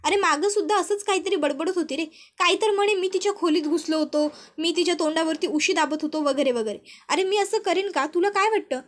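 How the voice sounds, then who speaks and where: A woman's voice: extremely high pitch, a little fast. A woman voicing a scheming middle-aged man who lies in a wheedling, falsely innocent way. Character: scheming middle-aged man, a smooth-talking lying villain.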